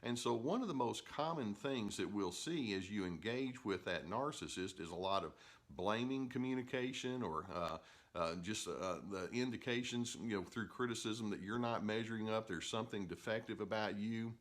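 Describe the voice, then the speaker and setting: An older man, a therapist, explaining calmly and telling stories, with frequent "uh" fillers. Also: fairly low pitch, normal speed. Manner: calm storytelling with filler "uh"s. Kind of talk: educational talk to camera.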